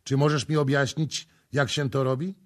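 A man's voice: mid-range voice, little pitch movement, moderate pace, pitched above the performer's own voice, lightly acted. A man reading Ramzes, a commanding young prince. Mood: demanding. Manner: imperious, exclamatory.

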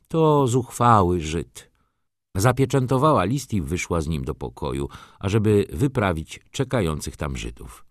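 A man narrating classic prose as an audiobook in an expressive, theatrical way. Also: deep voice, dry recording, clean studio sound.

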